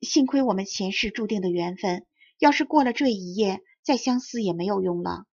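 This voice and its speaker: Shy fox spirit girl, soft and hesitant, read by a woman, breathy, dull recording. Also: medium pitch, fairly quick, no room sound. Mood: gentle. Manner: gentle, hesitant.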